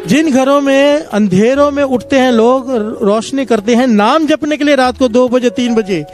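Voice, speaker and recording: A man with a high-pitched voice preaches a devotional sermon, telling simple parables to the congregation. He keeps stopping to lead a call-and-response chant. Soft music sits faintly in the background. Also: moderate pace. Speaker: satsang preacher.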